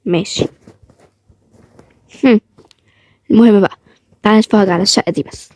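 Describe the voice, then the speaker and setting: A young woman with an Egyptian Arabic accent voicing a bossy, quick-tongued young woman in an amateur audio drama, bickering rapidly. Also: mid-range voice, a little mellow, a little hiss or hum, natural voice.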